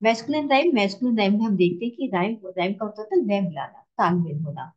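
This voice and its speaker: A woman teacher gives a lecture at an ordinary middle pitch. She explains step by step and slows right down for the English examples. The recording sounds a little dull and lo-fi. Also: lively intonation, darkish tone. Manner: explains in Hindi, reads English lines slowly. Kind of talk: classroom lecture.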